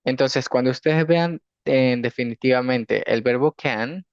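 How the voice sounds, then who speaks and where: Male language teacher, patient lecturing, slow careful example readings; dull, dry lo-fi sound. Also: medium pitch, smooth, no room sound. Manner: patient, explanatory, often checks understanding with "¿sí?"; reads English examples slowly and carefully. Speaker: English teacher. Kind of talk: recorded class lecture.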